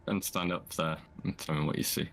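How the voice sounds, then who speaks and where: Very deep gravelly man, terse. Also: little pitch movement, brisk, fairly bright tone. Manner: terse, dry replies. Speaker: co-player. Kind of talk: casual multiplayer game chat.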